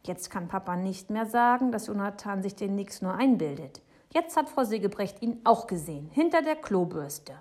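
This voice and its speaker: Female audiobook narrator, intimate hushed storytelling. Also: medium pitch, expressive, moderate pace. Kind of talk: children's book narration.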